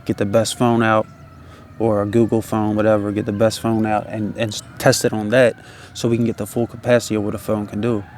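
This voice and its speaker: A man's voice: lowish voice, flat delivery, brisk, darkish tone, slight background noise. A man chatting casually in a loose, laid-back stoner drawl, rambling with slang and swearing. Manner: slangy, swearing, repeats tag phrases. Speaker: independent music artist.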